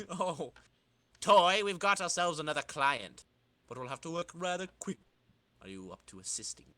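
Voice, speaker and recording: A man's voice: a little high, animated, normal speed, pushed and bright, no room sound. A man voicing a sly old villain inventor in a comic-book reading, theatrical and drawn out. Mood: sly, pleased.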